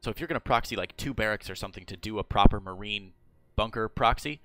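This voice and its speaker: An American caster and coach with a fairly low, slightly bright voice talks fast over a strategy game replay, asking his guest questions full of fillers. It's casual game analysis, dry-recorded with soft music underneath.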